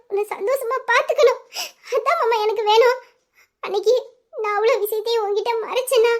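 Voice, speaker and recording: A woman with a very high voice plays a young, devoted wife in a romantic audio drama. Her delivery is tearful, pleading and tender.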